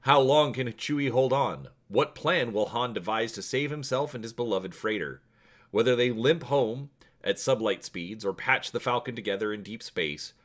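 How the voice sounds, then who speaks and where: Reading an adventure aloud for his story channel, a man narrates dramatically in a medium-pitched, fairly bright voice.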